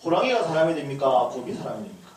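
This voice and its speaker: Racing along in a sing-song, mid-range voice, a male pastor teaches a leadership school class with humor, playing out small dialogues. The sound is echoey and slightly noisy, picked up from a distance.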